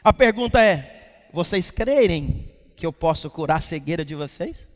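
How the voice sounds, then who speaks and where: A male pastor preaching a lively sermon at a church service, quizzing the congregation and breaking into shouts. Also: on the high side, moderate pace. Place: church service in a large hall. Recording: long hall reverb from the church.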